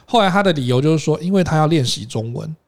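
Fast-talking Taiwanese man, lively storyteller. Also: a little high. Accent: Taiwanese Mandarin. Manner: animated storytelling with frequent tag questions. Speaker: podcast co-host. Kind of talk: casual chat.

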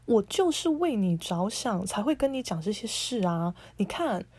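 A man's voice: high voice, very animated, moderate pace, darkish tone, breathy edge, pitched below the performer's own voice, heavily acted. A woman voicing her condescending young boyfriend, who lectures in a preachy, self-assured way.

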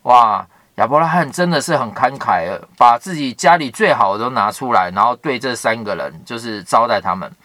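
Brief: male Bible storyteller, chatty asides, mid pitch, dry close sound. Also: expressive, a little fast, few pauses, sharp tone, no echo. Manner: chatty, explains as he reads. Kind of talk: retelling scripture with casual asides.

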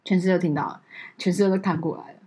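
A woman telling a childhood story in a casual podcast chat, animated and laughing. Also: on the low side, rapid-fire, husky. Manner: animated storytelling, laughing while quoting curses. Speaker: podcast co-host.

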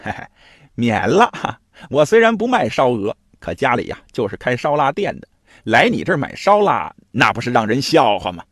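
A man's voice: mid-range voice, very animated, normal speed, a bit bright, no echo, clean studio sound. A man doing a snide, sly shop owner. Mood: sneering. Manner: sarcastic, mocking.

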